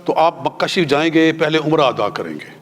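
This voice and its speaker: A man with a Punjabi-influenced Urdu accent teaching a class on pilgrimage rites. He has his listeners repeat prayers after him, slowly and drawn out. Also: on the high side, expressive, slight background noise. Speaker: religious teacher.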